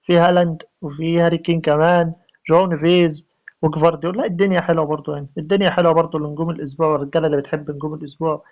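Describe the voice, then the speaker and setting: A man with an Egyptian Arabic accent giving excited, repetitive gameplay commentary on a mobile football game. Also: on the high side, dull audio. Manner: rapid, repetitive, hyped street slang.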